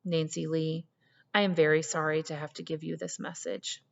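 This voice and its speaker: A woman voicing an elderly, indignant but compassionate vice principal in a storybook reading, with earnest, deliberate, emphatic phrasing. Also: deep voice, level tone, vocal fry. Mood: grave, ashamed. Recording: muffled, long hall reverb.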